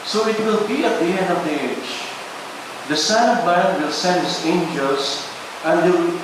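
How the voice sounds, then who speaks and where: Man, priest reading scripture, cathedral echo, long hall reverb, picked up from afar. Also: a little high. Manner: measured, deliberate proclamation. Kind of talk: liturgical gospel reading. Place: large church. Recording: echoey church, distant mic, hiss.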